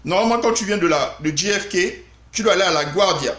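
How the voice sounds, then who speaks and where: A man telling an animated story on a live stream, talking straight to his viewers. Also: sits high, quick pace, echoey room. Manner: animated, addresses viewers directly.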